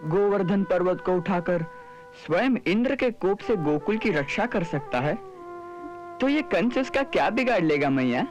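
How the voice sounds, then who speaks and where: A calm wise young god. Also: male voice, high voice. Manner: gentle, sermon-like counsel. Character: calm wise young divine son consoling his mother. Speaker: actor in a TV drama. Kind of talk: devotional TV drama acting.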